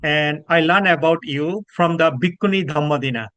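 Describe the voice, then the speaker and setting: A man's voice: fairly high pitch, moderate pace, a bit bright, no echo, highs cut off. Polite, deferential man from Bangladesh. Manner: polite, deferential, addresses the monk often. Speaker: student. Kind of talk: self-introduction on a video call. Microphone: video call.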